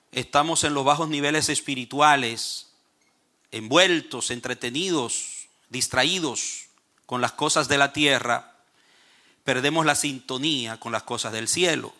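Male preacher, bright and tense tone, sermon delivery with emphatic scripture reading. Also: medium pitch. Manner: reads scripture aloud with rising emphasis, frequent "eh" pauses. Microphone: streamed online service.

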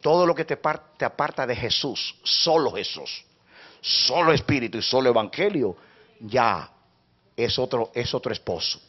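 A man preaching a sermon as pastor, impassioned, swinging between hushed passages and loud, rising preaching. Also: medium pitch, normal speed. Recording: dull lo-fi recording.

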